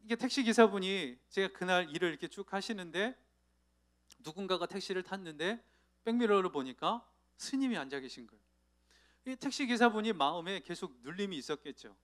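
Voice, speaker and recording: A male pastor preaching to a youth congregation in church, telling stories with lively acted-out voices and asking his listeners questions. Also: high voice, brisk. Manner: lively storytelling, acting out the people in his anecdotes; asks the audience questions directly. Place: church sanctuary.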